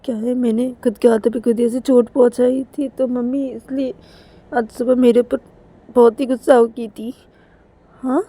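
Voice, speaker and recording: A woman's voice: fairly high pitch, little pitch movement, normal speed, warm tone, pitched above the performer's own voice, natural voice. A woman doing a panicky frightened young woman. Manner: panicky, fretful, repeating herself. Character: frightened young woman dreading her angry mother. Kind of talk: storytelling in voices.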